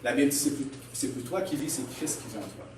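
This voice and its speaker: A man's voice: medium pitch, fast talker, echoey room, far from the mic, background noise. A man with a Québécois French accent preaching a sermon as pastor, emphatic, often calling out "Amen?" and laughing. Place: church hall.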